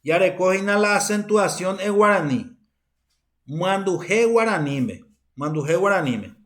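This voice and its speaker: A woman teacher with a Paraguayan accent giving a recorded university lecture, unhurried and halting, often repeating her phrases. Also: medium pitch.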